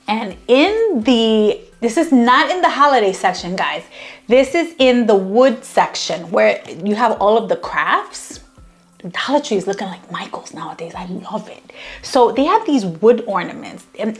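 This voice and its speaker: A woman in her fifties hosting a craft tutorial in a casual, chatty way, gushing with enthusiasm and tossing in self-mocking asides. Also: mid-range voice.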